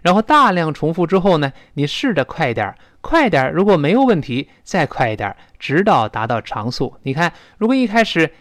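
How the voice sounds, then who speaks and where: Male teacher from China, lively lesson delivery, slightly high voice, dry close mic. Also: no room sound. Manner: lively explaining, demonstrating sounds slowly and loudly. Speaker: English teacher. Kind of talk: recorded language lesson.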